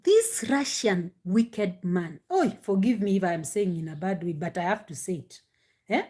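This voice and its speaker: A woman, talking casually to her viewers, animated, with many fillers and rhetorical questions. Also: on the low side, brisk. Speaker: commentary host. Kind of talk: casual live commentary to viewers.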